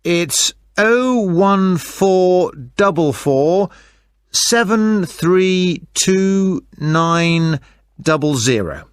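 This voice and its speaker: A man playing a helpful, unhurried race organiser in a scripted phone dialogue, obliging and a little hesitant. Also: sits high, animated, smooth, no room sound, clean studio sound, full character voice. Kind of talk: scripted listening-test dialogue.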